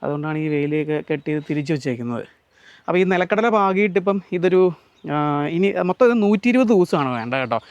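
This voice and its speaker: Quick-talking Malayali man vlogging outdoors. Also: a little high, expressive, no room sound, lo-fi sound. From Kerala. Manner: chatty, explains to viewers and mixes in Tamil words. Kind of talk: casual walk-through vlog. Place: outdoors on a farm.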